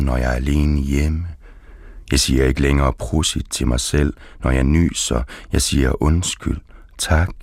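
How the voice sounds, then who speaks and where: A man reading his poetry aloud, slow and deliberate. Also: extremely low pitch, creaky, darkish tone, no room sound, clean studio sound.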